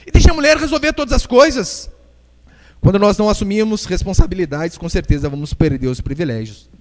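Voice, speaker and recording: A man with a Brazilian Portuguese accent preaches from the pulpit of a church hall, his voice high and swinging up and down constantly. He jokes with the congregation and plays out quick scenes while making his point. The sound carries a long echo from the room. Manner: animated preaching with jokes and acted-out quotes. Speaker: pastor. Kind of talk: sermon.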